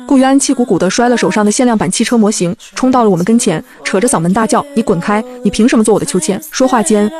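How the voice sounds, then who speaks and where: A woman narrating a comedic web novel as a scripted audiobook, playful and lively, slipping into character voices. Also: on the high side.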